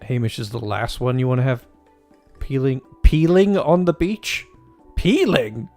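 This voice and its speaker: Over faint game music, a gaming host plays a farming game and rambles casually with crude jokes, frequently restarting what he's saying. His voice is mid-range, unhurried, and darkish in tone.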